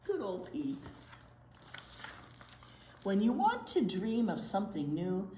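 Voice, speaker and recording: Slowly and very expressively, a woman reads a picture book aloud to small children, lengthening key words and prompting them with questions. The animated read-aloud is captured indoors with a roomy echo and a little hiss or hum.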